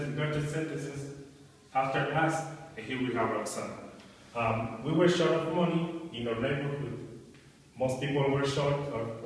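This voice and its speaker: A man's voice: medium pitch, recorded from a distance. A man explaining grammar to a class, hesitant and repeating words. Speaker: student presenter. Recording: echoey room recorded from afar.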